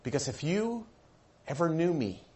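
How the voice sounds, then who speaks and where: A man preaching a sermon, telling a story with animated delivery and acting out the voices of the people in it. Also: on the high side, moderate pace. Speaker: pastor.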